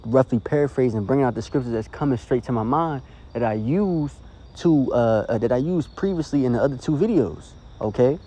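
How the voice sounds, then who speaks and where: A man preaches straight into a phone in an informal, earnest style, circling back and checking in with "okay?" as he goes. His voice sits at a middle pitch with a dark, mellow tone. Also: fairly quick. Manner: earnest, rambling, many "you know" and "okay?" tags. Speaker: street preacher. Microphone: phone recording.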